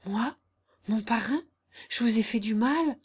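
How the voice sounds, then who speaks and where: In an audiobook, a woman reader voices a tender young peasant girl who pleads earnestly in plain, rustic phrasing. Her voice sits high with a lifted, heightened urgency, yet stays close to an everyday voice, at normal speed with a darkish tone.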